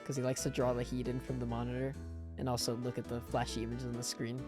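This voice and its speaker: A woman's voice: a bass voice, little pitch movement, fast, music in the background. A woman streamer chatting casually and laid-back while playing a game. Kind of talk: casual chat while gaming.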